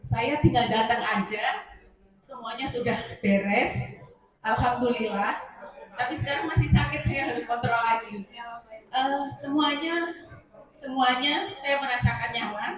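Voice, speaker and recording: A woman's voice: on the high side, a little slow. Woman testifying from afar, very echoey. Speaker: patient giving a testimonial. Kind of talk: spoken testimonial to a gathering. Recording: echoey room, distant mic, crowd behind. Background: audience murmur.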